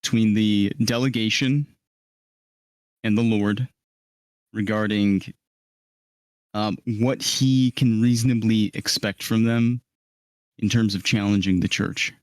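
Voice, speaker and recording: Calm, directive game master, low voice. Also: male voice, takes it slowly, long pauses, dry recording. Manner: calm, directive, frequent ums. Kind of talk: briefing players for a live tabletop role-play. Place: live stream.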